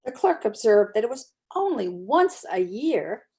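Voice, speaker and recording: A woman narrator giving a dramatic storybook reading with expressive, deliberate phrasing. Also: on the high side.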